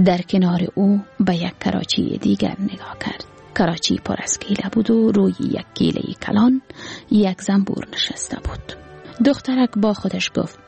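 A woman with an Afghan Dari accent narrating a story calmly and evenly. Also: medium pitch, creaky.

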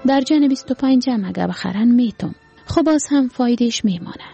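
Old banana seller with an afghan dari accent, gravelly and husky, bargaining street talk in a woman storyteller's voice. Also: on the high side, lively intonation, dark tone, soft background music, voice pushed up, heavily acted. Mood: gentle. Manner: calls out wares and bargains in plain street talk. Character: old male banana seller, poor, proud and quiet.

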